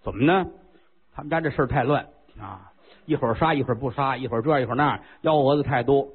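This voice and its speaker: A man performing traditional pingshu storytelling, with lively colloquial asides and jokes. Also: mid-range voice, fast talker, husky. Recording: lo-fi phone-like recording.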